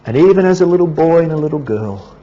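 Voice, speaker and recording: A man with an Australian accent preaching a sermon as pastor in a church, earnest and pleading, dropping to a hush and then rising again. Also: on the high side, lively intonation, fast. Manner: earnest, pleading, swings from hushed to raised. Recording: dull lo-fi church recording.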